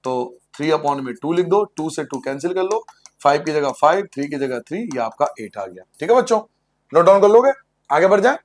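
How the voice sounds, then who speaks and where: A man with a high voice teaches a maths lesson to a class of students. He walks through each step out loud, asking questions and then answering them himself in a repetitive, sing-song way. He keeps the tone playful and jokes with the class now and then. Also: expressive, brisk, a little hiss or hum.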